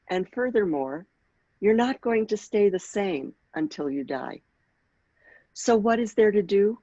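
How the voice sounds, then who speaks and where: A woman in her sixties gives a workshop talk in a measured, unhurried way, clearing her throat from time to time. Her voice is of middling pitch, and the recording sounds a little dull and dry. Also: dark tone, no echo. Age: 60s. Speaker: workshop leader and author. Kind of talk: workshop talk with read-aloud passage.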